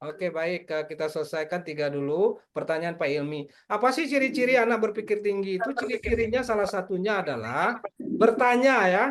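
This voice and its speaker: A man's voice: high-pitched, expressive, a little fast. A male lecturer explaining exam questions to students in an online class, repeating his points and tagging sentences with "ya". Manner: repetitive, tag questions with ya.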